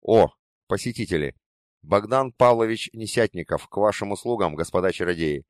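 A man's voice: on the low side, normal speed, no room sound, clean studio sound, natural voice. A man reading an audiobook and voicing a plump, fussy old bookseller who greets customers eagerly.

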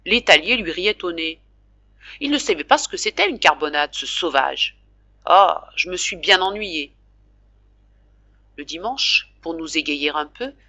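A woman reading a classic novel aloud as an audiobook narrator, expressive, jumping high in pitch for the characters' cries. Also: no echo. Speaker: audiobook reader.

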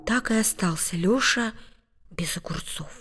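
A woman narrating a children's audiobook in a playful way, with hushed asides. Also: fairly low pitch, a little slow. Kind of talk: expressive children's story reading. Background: music.

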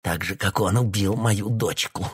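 Guy voicing a deranged old army colonel, hisses threats, deep and husky, audiobook. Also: measured pace. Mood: vengeful. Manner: hissing, then bursting into shouts. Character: crazed older male colonel, hissing and vengeful.

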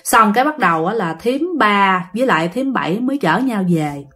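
A woman's voice: mid-range voice, lively intonation, a little fast, a bit bright. A woman with a Southern Vietnamese accent telling a ghost story in a chatty, casual way, speaking straight to her listeners with many fillers.

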